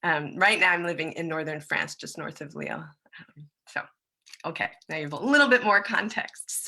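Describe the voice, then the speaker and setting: Over a video call, an American woman from the United States, a presenter, musician and songwriter, gives a friendly, chatty conference talk. Her voice sits fairly low with a sharp edge, and she leans on plenty of loose fillers.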